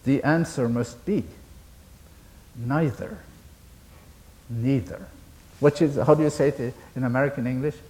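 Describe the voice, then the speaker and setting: Man giving a deliberate academic lecture. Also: medium pitch, warm tone. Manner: deliberate, asks the audience questions, chuckles at own asides.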